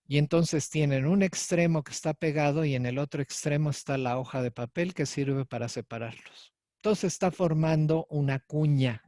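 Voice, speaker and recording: A man's voice: fairly high pitch, dark tone, no room sound, clean studio sound. A man, a university lecturer explaining a physics lesson to students and checking in with them often. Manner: explanatory, addresses students directly with frequent "¿sí?" and "ok". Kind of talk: recorded lecture.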